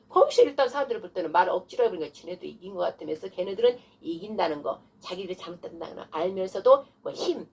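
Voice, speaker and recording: A woman pastor preaching a sermon, breaking into forceful shouted rebukes of devils as she shows how to pray. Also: medium pitch, breathy edge.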